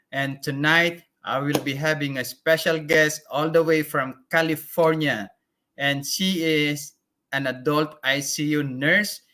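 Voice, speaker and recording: A male talk show host with a bright, forceful tone and a fairly high voice. He talks in an upbeat, effusive way, laughing often as he introduces his guest and puts questions to her on a live online show.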